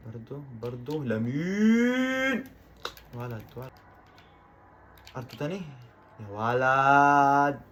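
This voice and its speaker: A man with an Egyptian Arabic accent giving excitable let's-play commentary on a football video game, repeating his exclamations over and over. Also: mid-range voice, slow pace, pauses often, slight background noise. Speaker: gaming YouTuber.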